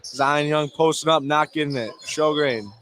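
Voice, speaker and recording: Speaking in a slightly high, somewhat bright voice at a moderate pace, a man gives terse, clipped radio play-by-play of an indoor high school basketball game. Gym noise is clearly audible behind him.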